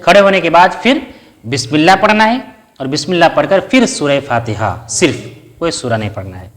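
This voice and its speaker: Guy teaching prayer step by step, slightly high voice, asks a question then answers it himself. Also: very animated, fairly quick, fairly bright tone. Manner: recites short Arabic prayer phrases within the explanation. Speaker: religious teacher. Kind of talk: step-by-step spoken lesson.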